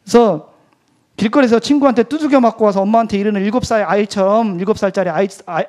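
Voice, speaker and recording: A male pastor and missionary giving a testimony at an evening church service, swinging between loud outbursts and hushed whispers. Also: sits high, quick pace. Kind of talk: sermon testimony.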